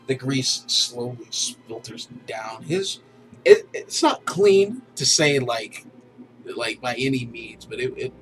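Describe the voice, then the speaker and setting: A man's voice: mid-range voice, slow pace, far from the mic, rough recording. Hesitant man running a tabletop game. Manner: hesitant, many fillers and restarts. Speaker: game master. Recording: music playing behind.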